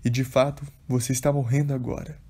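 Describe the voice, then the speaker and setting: The devil taunts in a devotional audiobook, as a man reads his lines. The voice is dark, husky and plain, barely set apart from the narration. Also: medium pitch, level tone, brisk. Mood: taunting. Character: taunting devil, male spirit, menacing and sneering.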